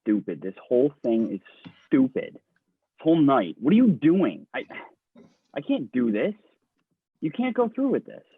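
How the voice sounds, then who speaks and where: A man reads a heartbroken young singer-songwriter, his lowish voice hesitant and self-conscious. The sound is dry and tinny, like a phone line on a video call. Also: expressive, normal speed, no room sound. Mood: panicking. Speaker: actor in a script reading. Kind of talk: live online screenplay reading.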